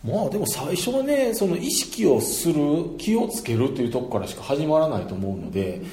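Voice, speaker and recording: Animated Kansai-accented man. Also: fairly high pitch, normal speed, a little hiss or hum. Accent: Kansai Japanese. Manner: emphatic, animated, laughs often. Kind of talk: casual explanatory talk. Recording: roomy echo.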